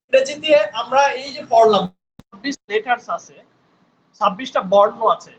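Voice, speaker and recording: Amid background noise, a man with an extremely high voice teaches spoken English online using headphones on a video call. He is patient and repetitive, saying sounds slowly and regularly checking in with his students by asking "right?"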